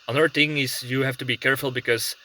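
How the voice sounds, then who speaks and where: He talks fast in a medium-pitched, steady voice with a sharp tone. This prepper video blogger, who has a Belgian accent, rambles casually from a parked car, hesitating and searching for the right words.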